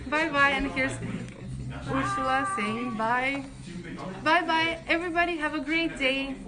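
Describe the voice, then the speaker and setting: Hosting a live stream, a young accommodation staff member from Croatia reads questions from the chat in a friendly, talkative way with many restarts. She speaks in a high voice at a measured pace, with crowd chatter behind her.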